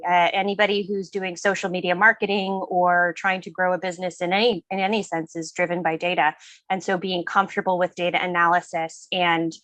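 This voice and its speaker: A woman guest in a casual podcast interview, an animated storyteller who often restarts her phrases. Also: on the low side, no echo. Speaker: spirits company founder, guest.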